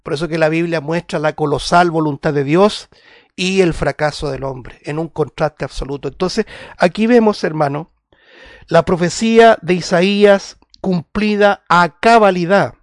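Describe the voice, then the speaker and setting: High-voiced preacher with dry sound. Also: male voice, dry recording. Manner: earnest, swings between loud emphasis and quiet asides; reads scripture aloud and addresses listeners as brothers. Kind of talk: sermon.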